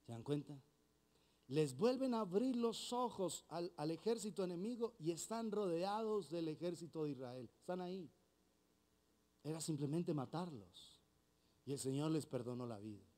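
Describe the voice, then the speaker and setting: Animated Colombian pastor preaching. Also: male voice, fairly high pitch, normal speed. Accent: Colombian Spanish. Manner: animated preaching, acting out dialogue. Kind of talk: sermon.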